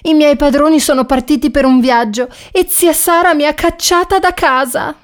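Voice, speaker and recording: Lilly, a woman doing a high pleading little dog. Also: moderate pace, lightly acted. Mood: sad. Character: sweet young female pet dog, gentle and sad.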